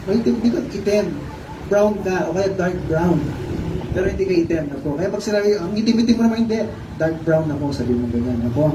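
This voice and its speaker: Animated Filipino preacher in an echoey hall. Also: male voice, sits high. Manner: animated, asks the congregation questions, acts out the blind man's cries. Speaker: pastor. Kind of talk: sermon. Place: church hall. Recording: echoey room, far from mic, noisy.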